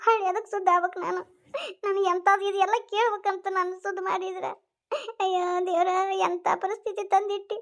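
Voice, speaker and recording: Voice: little pitch movement, a little fast. A voice actor playing a grieving village mother with a North Karnataka accent, crying and pleading. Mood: distraught. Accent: North Karnataka Kannada. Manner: high-pitched, sobbing and pleading. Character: grieving middle-aged village mother, distraught.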